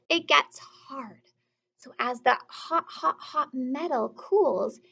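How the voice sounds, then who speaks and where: A female teacher with a high, fairly bright voice reads aloud to young children, explaining along the way, asking questions and repeating key words to instruct. The highs in the audio are cut off.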